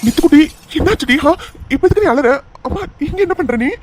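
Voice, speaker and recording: A man's voice: on the high side, lively intonation, brisk, a little mellow, a little hiss or hum, lightly acted. A man voicing a protective, hot-tempered young man in a cartoon, talking urgently and anxiously. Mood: worried. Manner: urgent, pleading, worried. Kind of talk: cartoon voice acting.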